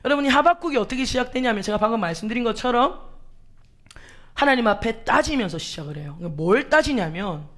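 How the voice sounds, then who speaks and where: A woman's voice: on the high side, expressive, fast, fairly bright tone. A woman pastor preaching a sermon, emphatic, asking the congregation rhetorical questions and acting out quoted pleas with drama.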